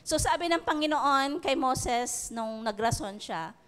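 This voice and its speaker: A woman's voice: high voice, lively intonation, measured pace, a bit bright, smooth, in a large hall. A woman preacher with a Filipino accent gives a sermon, reading scripture and checking in with the congregation with "okay?" and "di ba?". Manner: punctuates with "okay?" and "di ba?".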